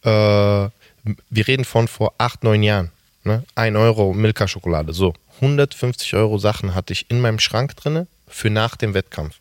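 A man's voice: lowish voice, moderate pace, no room sound. A man in his thirties, a guest in a casual podcast conversation, talking candidly and rambling with self-mocking asides. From Germany.

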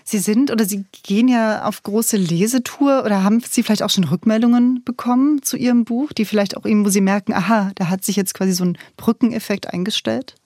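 A woman's voice: medium pitch, fairly quick, few pauses, dark tone, no room sound. Composed woman radio host, dry studio sound. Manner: composed, articulate. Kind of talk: radio interview moderation.

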